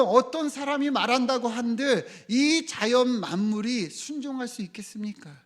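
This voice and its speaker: A male pastor preaching a sermon, pushing key phrases up loud and letting phrase ends fall to a whisper, repeatedly addressing the congregation. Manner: emphatic rises in pitch and volume on key phrases.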